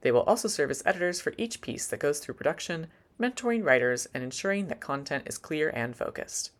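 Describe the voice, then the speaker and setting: A young man hosting a student news podcast, reading a scripted narration in a lively announcer style. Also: on the high side, brisk, dry recording. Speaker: podcast host.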